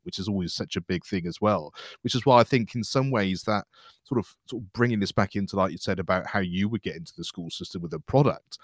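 A man's voice: lowish voice, no room sound, studio quality. A man hosting a reflective interview, talking in long, affirming, winding sentences. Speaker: interview show host.

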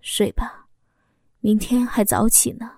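Woman doing a wounded husband, whispered role-play, unvoiced hush, low, dry close sound. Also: steady tone, unhurried, vocal fry, breathy edge, dry recording. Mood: gentle. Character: middle-aged husband, wounded, ashamed and bitter.

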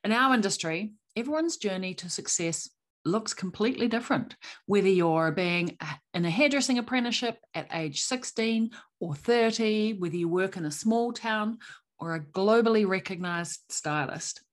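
A New Zealand woman hosts a business podcast, reading an upbeat, promotional intro before interviewing a guest. Her mid-range voice has lively intonation at a normal speed.

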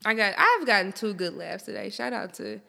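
Podcast host, woman, 30s. Bright forceful voice, loose slangy banter, heavy reverb on the recording. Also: mid-range voice, creaky. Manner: animated, slangy, quick to laugh. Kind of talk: casual, profane banter.

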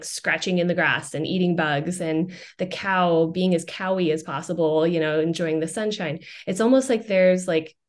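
Chatty podcast host, a woman. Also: lowish voice. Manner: chatty, lots of fillers like "like". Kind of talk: casual chat.

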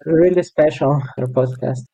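A man in his thirties from Bulgaria with a Bulgarian accent, a guest on a podcast, speaking English in a halting, self-correcting way with frequent laughs. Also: fairly high pitch, dark tone, rough recording. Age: 30s. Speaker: bird guide, podcast guest. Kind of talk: interview answers.

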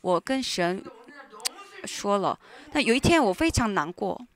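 A woman interpreting a sermon live in a church, speaking in halting phrases with frequent restarts and fillers. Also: medium pitch, very animated. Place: church hall.

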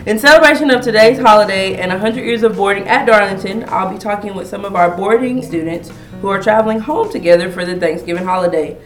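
A woman's voice: mid-range voice, fast talker, few pauses, faint music behind. A woman hosting a casual school podcast interview, upbeat and chatty. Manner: upbeat, chatty Southern phrasing. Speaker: podcast host, school administrative assistant. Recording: echoey room.

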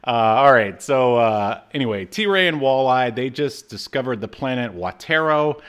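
A man's voice: medium pitch, animated, normal speed, a bit bright, clean tone. A man co-hosting a podcast, recapping a cartoon episode in casual chat, rambling with many fillers and frequent laughs. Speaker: podcast co-host.

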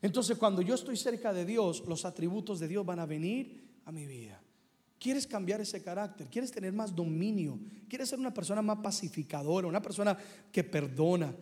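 Brief: male pastor, high voice, preaching sermon to a live congregation, big reverberant church hall. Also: lively intonation, normal speed, mellow. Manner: preaching to a congregation, calling for responses.

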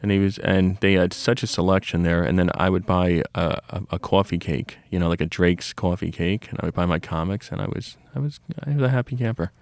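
A man's voice: sits low, brisk, few pauses, darkish tone, dry recording. A middle-aged man who runs a comic shop, telling long rambling stories on a podcast with many restarts and asides. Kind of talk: casual storytelling conversation.

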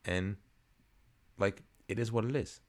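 A man's voice: fairly low pitch, measured pace. A man, co-hosting a podcast in casual chat, joking and ranting. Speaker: podcast co-host.

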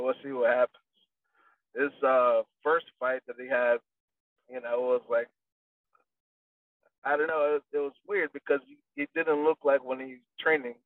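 Speaking in a mid-range voice, a man who trains boxers rambles through a casual interview, full of fillers and restarts. The audio is dry, distant, and phone-like.

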